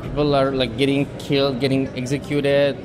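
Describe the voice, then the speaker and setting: A man's voice: medium pitch, level tone, normal speed, music in the background. A man soccer fan in a street interview, talking hesitantly and unsure.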